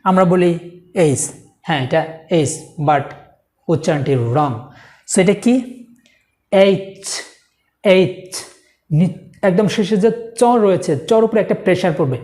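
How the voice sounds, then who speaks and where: A woman teaching English pronunciation, saying each sound slowly and drilling it over and over for the viewer. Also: lowish voice, a little mellow, roomy sound. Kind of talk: Bengali spoken English lesson.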